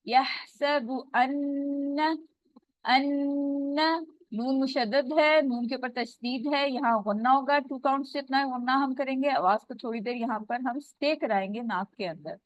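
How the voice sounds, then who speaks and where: A woman's voice: high-pitched, no room sound. A woman teaching Quran recitation rules in an online lesson, explaining step by step. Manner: drawn-out recitation of Arabic words. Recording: dull dry lo-fi recording.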